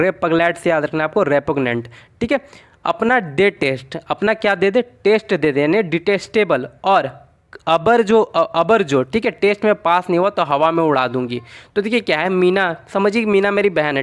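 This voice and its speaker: A man's voice: fairly high pitch, expressive, normal speed. A man teaching exam vocabulary in a casual way, telling little stories as memory tricks and often asking and answering his own questions. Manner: explains through short made-up stories. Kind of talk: casual mnemonic lesson.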